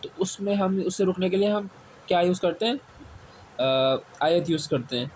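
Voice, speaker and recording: Male tutor, fairly high voice, patient classroom lecture, repeats each point, faint hiss behind. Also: darkish tone. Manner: asks questions and answers them himself, repeats key words slowly. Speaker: Quran reading teacher. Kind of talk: step-by-step classroom explanation. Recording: faint background noise.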